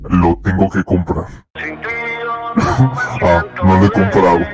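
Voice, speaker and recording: A man's voice: sits low, little pitch movement, normal speed. A young man, chatting casually on a live stream, rambling, swearing and reacting to chat. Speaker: livestreamer. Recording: faint music behind.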